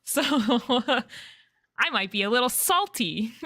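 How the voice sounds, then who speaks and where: A woman's voice: on the high side, lively intonation, very slow, sharp tone, no echo. Giggly woman at a game table. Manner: giggly, playful. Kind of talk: casual chat.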